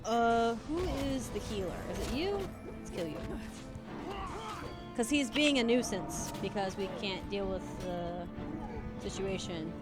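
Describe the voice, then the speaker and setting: A woman's voice: mid-range voice, unhurried. A woman giving casual, chatty commentary as she streams a game. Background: game music.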